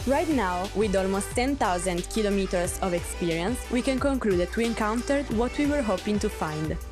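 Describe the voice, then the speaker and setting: A woman, narrating a travel vlog voice-over in an earnest, steady way. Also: mid-range voice, normal speed. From Italy. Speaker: travel vlogger. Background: music.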